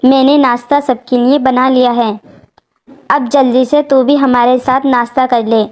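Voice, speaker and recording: A woman puts on a kind mother-in-law in a storybook tale who speaks fondly and defends her family firmly. The voice is high and bright. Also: fairly even intonation, measured pace. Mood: affectionate.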